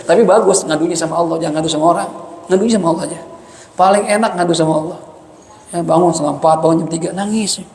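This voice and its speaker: Chatty high-voiced preacher, echoey. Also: male voice, steady tone, very fast, darkish tone. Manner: joking, chatty, reads Arabic then explains it. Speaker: religious teacher. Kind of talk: mosque study lecture. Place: mosque hall. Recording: echoey mosque hall.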